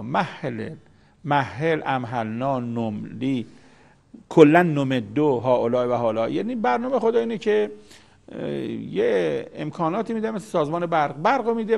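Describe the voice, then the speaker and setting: Gravelly-voiced man teaching scripture. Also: on the high side, darkish tone. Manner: explanatory, repeats key words. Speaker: Quran commentator. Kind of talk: religious lecture.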